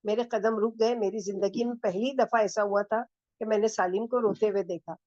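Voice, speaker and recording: A woman's voice: medium pitch, steady tone, a little mellow, dry recording. A woman Islamic teacher with a Pakistani Urdu accent, telling a first-person moral story as a lecture and stopping now and then to ask her listeners questions. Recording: dull, dry lo-fi recording.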